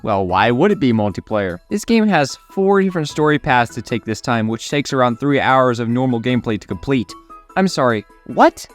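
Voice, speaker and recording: A man's voice: medium pitch, lively intonation, brisk, few pauses, soft background music. A young man narrating a comedic video game review in an exasperated, sarcastic way.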